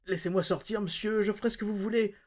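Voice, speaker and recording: A man voicing a terrified, starving male prisoner who pleads and whimpers in a high, strained voice. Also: expressive, normal speed, fairly bright tone. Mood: pleading. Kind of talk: audiobook-style reading.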